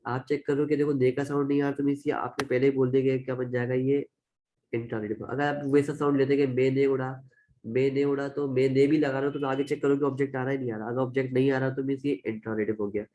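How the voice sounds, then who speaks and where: A man with a Pakistani accent gives a classroom-style grammar lecture, explaining step by step and repeating each example. His medium-pitched voice is dark in tone, flat in delivery, and quick in pace, and the audio sounds dull.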